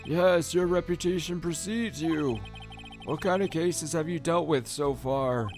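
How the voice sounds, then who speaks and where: A man's voice: a little high, a little slow, music in the background, pitched above the performer's own voice. A man voicing a doddering older courtroom judge in a game, pompous, hesitant and easily startled. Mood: formal.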